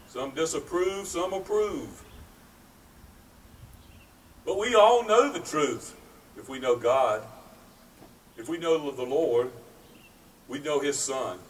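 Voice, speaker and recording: Man, middle-aged, pastor, earnest slow preaching, outdoors, distant mic, faint background noise. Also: a little high. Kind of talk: sermon. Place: outdoors by a brick church. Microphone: far camera, at a wooden pulpit.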